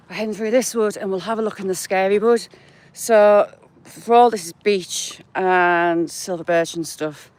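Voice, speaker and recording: A woman's voice: medium pitch, darkish tone. A woman with a northern English accent, chatting to her viewers by name while walking outdoors in the countryside. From England. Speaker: vlogger. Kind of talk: casual live-chat walk vlog.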